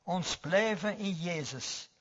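Very old preacher, high voice, slow. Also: male voice, expressive, fairly bright tone. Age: 90s. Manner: slow, earnest preaching, repeats key words. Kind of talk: sermon. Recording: dull, reverberant hall recording.

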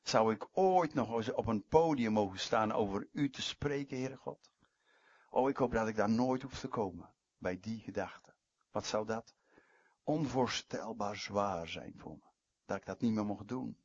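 A husky-voiced preacher putting on a desperate prophet calling out to God, his voice climbing high and loud in raw pleading. The sound is dull and lo-fi, with a dry, close feel. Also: a little slow, no echo. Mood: anguished. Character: desperate prophet praying, adult man.

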